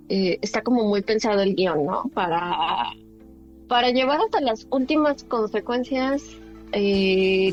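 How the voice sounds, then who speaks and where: A woman's voice: medium pitch, highs cut off. A woman co-hosting a casual film discussion podcast, thinking aloud with fillers and tag questions. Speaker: podcast co-host.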